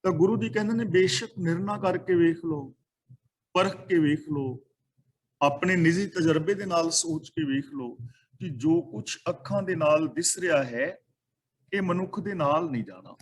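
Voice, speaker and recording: A man giving a sermon, chanting scripture lines slowly and then explaining them plainly. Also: fairly high pitch, rough recording. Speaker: Sikh scripture teacher.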